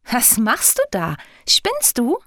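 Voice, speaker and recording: A woman's voice: medium pitch, animated, moderate pace, a bit bright, no room sound, studio quality. A woman voicing a small, lonely heart that talks in a grumbling, defiant way. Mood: sulky. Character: grumpy sulky little lonely heart.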